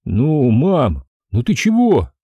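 A man's voice: medium pitch, wildly swooping pitch, takes it slowly, breathy edge, no echo, lo-fi sound, heavily acted. A man voicing a blunt young soldier type. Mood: impatient. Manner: brusque, slangy. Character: young man back from fighting, blunt and impatient.

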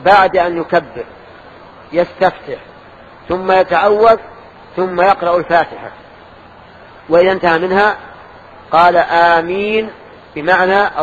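A man's voice: high voice, fairly bright tone. An older man giving a religious lesson in a mosque, quizzing and correcting his students as he explains. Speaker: religious teacher. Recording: dull lo-fi lesson recording with faint noise.

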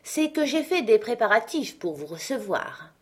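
A woman's voice: a little high, very animated, normal speed, slightly rough, voice pushed up. A woman reading the part of a witty, mocking uncle, ironic and emphatic, in an audiobook. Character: witty, mocking uncle who fights a duel.

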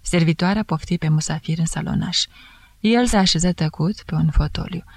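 Gravelly-voiced woman reading a novel. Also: fairly low pitch, no room sound. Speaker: audiobook reader. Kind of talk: scripted narration.

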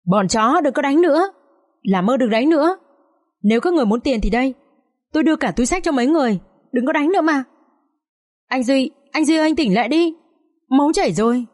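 A woman's voice: animated, moderate pace, pauses often, darkish tone. A woman voicing a frightened young woman who begs through tears in an audiobook story. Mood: desperate pleading. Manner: high, pleading, sobbing.

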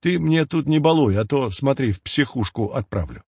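A man voicing a stern, gruff male yard sweeper who is easily frightened. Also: mid-range voice, animated, normal speed, darkish tone, no room sound, muffled recording.

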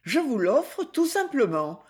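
A man's voice: very high-pitched, very animated, slow, a little mellow, pitched above the performer's own voice, exaggerated voice. A man voicing a proud, tender young woman in love, grave and fervent.

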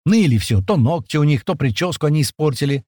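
A man's voice: on the high side, lively intonation, fast, darkish tone, no room sound, studio quality, pitched above the performer's own voice. A man doing a fed-up, grumbling man. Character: irritated man griping about clients.

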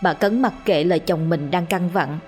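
Woman storyteller, lowish voice, steady suspenseful ghost-story reading, faint music under it. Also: normal speed. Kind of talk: scripted narration of a ghost story.

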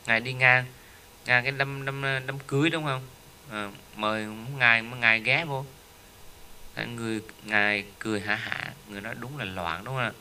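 A man delivers a Buddhist teaching as a story. His voice is very bright and forward. A faint hiss of background noise sits under the recording. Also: medium pitch, steady tone, normal speed. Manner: storytelling, with frequent rhetorical "right?" tags. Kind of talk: dharma talk.

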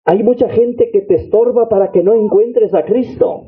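High pitched guy preaching, repeats lines over and over, sounds like tinny radio. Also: moderate pace, husky. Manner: exhorting, repeats phrases in rhythmic litanies. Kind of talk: sermon. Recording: tinny phone-like radio broadcast.

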